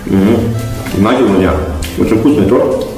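A man's voice: lowish voice, a little slow. A man in his forties rambling jokily to viewers in a casual food vlog while talking with a finger in his mouth. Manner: rambling, jokey, addresses viewers as friends. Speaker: food vlogger. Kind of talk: casual mukbang vlog chat. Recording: echoey, from far off the mic, faint music behind.

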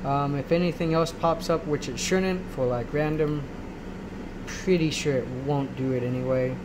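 This software tutorial comes from a man whose voice is a little high, moving at a moderate pace as he rambles and keeps checking in with "right?". He's filmed indoors at home on a handheld camera, and the amateur recording has clear, constant background noise.

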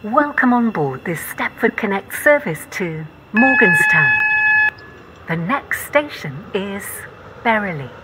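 Woman doing onboard train announcements, lively pitch, polite formal delivery, noisy capture. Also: slow pace.

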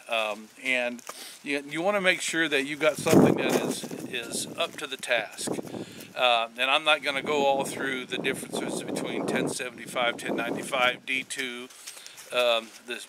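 An older man hosting a casual outdoor bushcraft tutorial, talking in a relaxed, rambling way with many fillers and restarts, filmed outdoors in winter. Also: mid-range voice. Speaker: bushcraft channel host. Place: outdoors in a snowy rural yard in winter. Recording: loud wind and outdoor noise.

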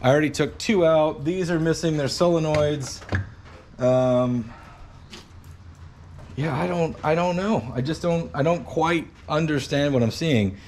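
A man's voice: a little high, a little mellow, a little hiss or hum. Rambling man vlogging in a garage. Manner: rambling, musing, lots of fillers and trailing thoughts. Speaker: garage channel host. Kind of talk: casual vlog commentary while cleaning. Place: large cluttered old garage workshop, indoors. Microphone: action camera held at arm's length.

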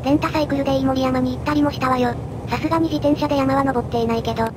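A woman's voice: high-pitched, steady tone, racing. A synthetic female voice delivering scripted dialogue narration for a travel video. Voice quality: synthetic text-to-speech voice. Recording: clear train noise behind voice-over.

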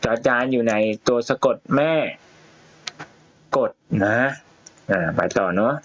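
A man's voice: mid-range voice, slow pace, highs cut off, slight background noise. A male primary school teacher leading a reading lesson, reading word by word and spelling syllables letter by letter. He often ends with polite particles and asks pupils to read after him.

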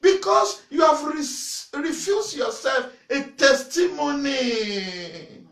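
A middle-aged man preaching to camera, repeating phrases and breaking into loud shouts. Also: very high-pitched, animated, slow, vocal fry. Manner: forceful preaching with repetition and sudden loud shouts; waves arms and gestures while preaching. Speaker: pastor. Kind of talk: sermon to camera. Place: small indoor church room in front of a banner. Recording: echoey room.

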